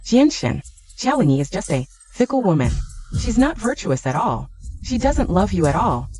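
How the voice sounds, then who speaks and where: A woman's voice: mid-range voice, big pitch swings, normal speed, a little mellow, husky, soft background music. A woman acting a jealous, spiteful young rival in love in a melodramatic screen drama.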